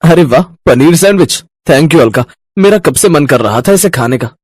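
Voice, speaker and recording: Someone playing an eager young husband in an audio storybook, a fairly high male voice, delighted and quick to thank, recorded dry and close. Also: animated, no echo. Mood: pleased.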